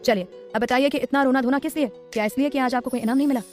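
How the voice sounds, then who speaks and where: A woman voicing an intense, protective adult man in an audiobook, calm, tender and firm. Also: high voice, racing, faint music behind, close to an everyday voice. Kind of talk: audiobook character voice.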